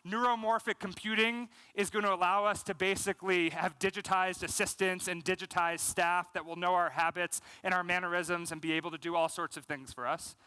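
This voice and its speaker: High and clean, this voice belongs to an American man in his thirties giving an energetic conference keynote from a large stage. He speaks fluently, sprinkling in "um" and "you know," and gestures throughout. A headset mic yields a dry recording.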